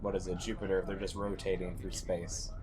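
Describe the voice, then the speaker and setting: A man's voice: deep voice, level tone, a little fast, a crowd in the background. A man co-hosting a podcast in casual chat, rambling and trailing off as he talks. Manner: rambling, lots of likes and restarts. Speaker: podcast co-host.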